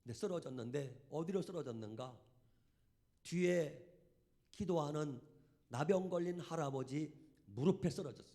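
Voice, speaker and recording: A man pastor preaching a revival sermon in a church, telling a story dramatically and swinging from hushed to shouted. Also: fairly high pitch, expressive, normal speed, long pauses.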